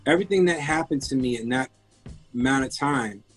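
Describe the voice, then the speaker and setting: Speaking briskly in a medium-pitched, fairly bright voice, this guest is a music engineer in his fifties, born in France. He candidly walks through his career in a casual interview, rambling and restarting many times while faint music plays.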